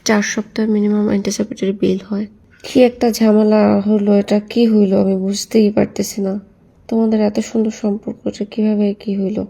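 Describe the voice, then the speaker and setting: A woman's voice: mid-range voice, flat delivery, normal speed, gravelly, warm tone, slightly rough. A Bangladeshi woman asking questions and giving advice in a private phone conversation. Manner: questioning and advising.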